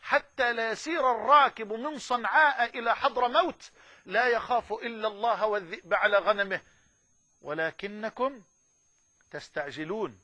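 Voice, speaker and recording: A man with an Egyptian accent preaching an impassioned sermon, building to loud, emphatic climaxes. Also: very high-pitched, brisk, dry recording, dull audio.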